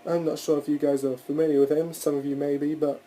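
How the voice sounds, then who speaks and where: A man's voice: on the high side, flat delivery, fast talker, mellow, slight background noise, low-quality recording. A young man hosting a casual solo podcast, rambling through his thoughts with frequent restarts and the odd swear word. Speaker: podcast host.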